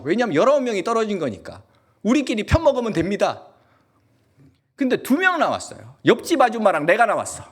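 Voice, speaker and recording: A male pastor with a Gyeongsang accent, preaching a lively sermon and asking the congregation question after question. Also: high voice, slightly rough. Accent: Gyeongsang Korean. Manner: animated, asks the congregation many questions; acts out quoted voices in dialect. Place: church sanctuary.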